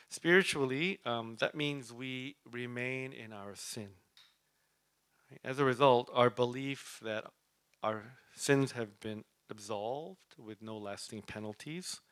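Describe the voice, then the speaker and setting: A preacher teaching a Bible study gives his sermon conversationally, often checking in with "right?" and leaning on fillers. His mid-range voice is slightly bright, and the recording has no echo.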